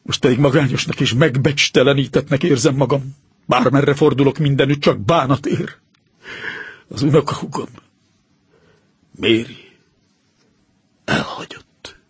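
A man's voice: medium pitch, long pauses, slightly rough, no echo. A man voicing a distraught older banker in an audiobook reading, with a breathless, trembling manner that breaks into cries. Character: older distraught male banker, anxious and pleading.

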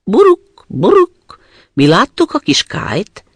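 A man's voice: very high-pitched, huge pitch swings, husky, no echo, pitched above the performer's own voice, exaggerated voice. A man voicing a pair of cooing, mournful wood pigeons in a storybook reading. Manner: cooing, solemn.

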